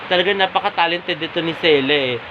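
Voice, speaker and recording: A man's voice: fairly high pitch, quick pace. A man filming a casual home vlog, asking playful, teasing questions. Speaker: vlogger. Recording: dull home video sound, faint hiss.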